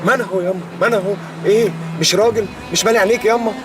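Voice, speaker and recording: A man's voice: sits high, steady tone, very fast, background noise, lightly acted. An actor with an Egyptian accent playing a son who insistently pleads with his mother. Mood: pleading. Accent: Egyptian Arabic. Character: pleading son, young man, emotional. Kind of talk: TV series acting. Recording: loud music score behind.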